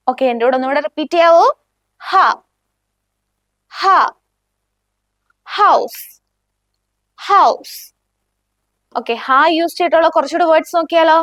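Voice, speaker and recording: This is a beginner language class taught by a woman with a Malayali accent, who says every word slowly and asks the learners to echo her. She has a high voice, captured in a dry, studio-quality recording.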